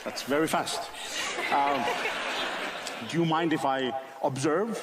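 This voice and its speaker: A man's voice: a little high, slow. A man from Finland with a Finnish accent, performing stage magic patter with playful, chatty remarks to two volunteers. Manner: playful, gesturing while talking. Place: TV studio stage with live audience. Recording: roomy studio with loud crowd and noise.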